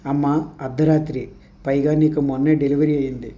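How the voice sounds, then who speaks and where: A man's voice: medium pitch, level tone, a little fast, mellow, natural voice. A man voicing a humble, nervous village housemaid recounting what she saw.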